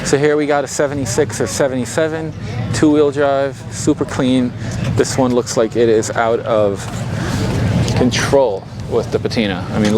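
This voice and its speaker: A man hosting a casual vlog, talking in an enthusiastic, slangy way. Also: fairly low pitch. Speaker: host. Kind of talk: casual vlog chat and commentary. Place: outdoors at a truck show. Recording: outdoor event with crowd chatter.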